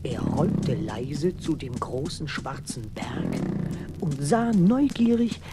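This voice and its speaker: A man narrating a children's story in a slow, lilting, expressive way. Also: a little high, over loud music.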